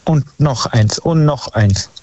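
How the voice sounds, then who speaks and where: Phoning in to a talk show, a man chats in a blunt, slangy, opinionated way. He speaks slowly and expressively at a medium pitch with a dark tone, and the call audio is muffled and dry.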